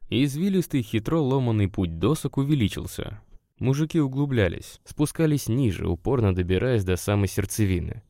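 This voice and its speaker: A man narrating a literary story with a measured, expressive reading. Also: mid-range voice, dry recording, clean studio sound.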